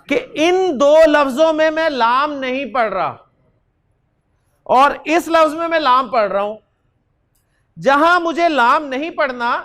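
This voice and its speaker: Male Arabic teacher with a very high voice who lectures patiently and drills students with questions. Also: pushed and bright. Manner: slow, repeats examples, drills students with questions. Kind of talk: classroom lecture.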